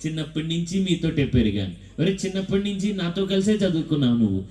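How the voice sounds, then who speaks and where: A man's voice: fairly high pitch, sing-song, quick pace, dark tone. A man acting out a puzzled man earnestly questioning an old friend, within a sermon. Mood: pleading. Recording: echoey hall, mic at a distance.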